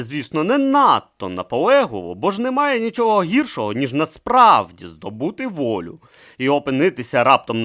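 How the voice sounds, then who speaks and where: Animated male audiobook narrator. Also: mid-range voice.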